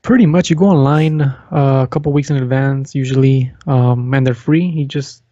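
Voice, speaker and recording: Mellow man on a dull, dry mic. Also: medium pitch, moderate pace, no echo. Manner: relaxed storytelling, easygoing. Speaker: podcast co-host. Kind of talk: casual chat.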